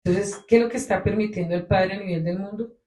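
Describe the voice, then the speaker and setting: A woman's voice: medium pitch, fast. Emphatic woman preaching in an echoey room. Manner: emphatic, rises and drops in loudness for stress. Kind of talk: sermon. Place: congregation meeting room.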